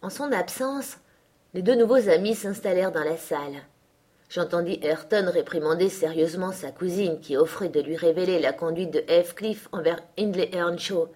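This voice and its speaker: Husky woman reading a classic novel. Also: lowish voice. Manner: measured, even storytelling. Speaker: audiobook reader. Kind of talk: scripted narration.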